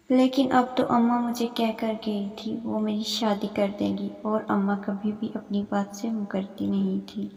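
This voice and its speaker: Woman reading a story, creaky and flat. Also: medium pitch. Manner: steady, even reading with self-corrections. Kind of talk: first-person story narration. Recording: echoey room with long reverb.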